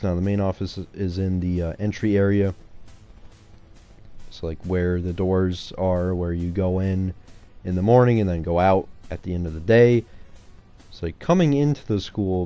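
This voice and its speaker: Low-voiced young man telling a story. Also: warm tone. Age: 20s. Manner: rambling, profane, laid-back. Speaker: YouTuber. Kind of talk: casual storytime vlog.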